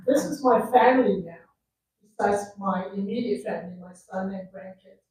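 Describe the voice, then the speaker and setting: A woman's voice: mid-range voice, moderate pace, a little mellow. A woman in her eighties, a resident speaking on a panel in a plain, matter-of-fact way. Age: 80s. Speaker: retirement community resident on a panel. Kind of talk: casual panel talk. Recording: echoey room, picked up from far off.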